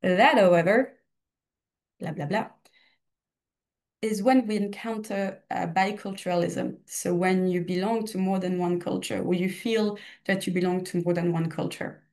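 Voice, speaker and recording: A young woman tutoring for exams talks through a casual recorded lecture, correcting herself and drawing on her own examples. Her lowish, slightly mellow voice has a slight Belgian French accent, a steady tone and a measured pace.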